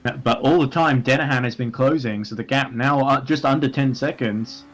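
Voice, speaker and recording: A man's voice: medium pitch, moderate pace, a bit bright. Analytical male sim racing commentator. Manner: analytical, talks through gaps and strategy with frequent fillers. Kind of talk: live race commentary.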